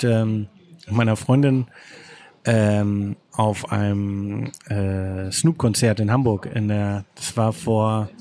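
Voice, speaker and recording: Relaxed man telling rambling anecdotes. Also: fairly low pitch. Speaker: guest, photographer. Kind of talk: casual storytelling in an interview.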